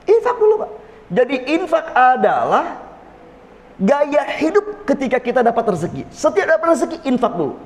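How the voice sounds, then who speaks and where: High-pitched guy giving a mosque talk, folksy and jokey, lots of hall echo. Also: sing-song, normal speed. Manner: folksy, jokes with the audience, addresses "Pak". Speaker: preacher. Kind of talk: mosque sermon to a congregation. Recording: long reverb of a mosque hall.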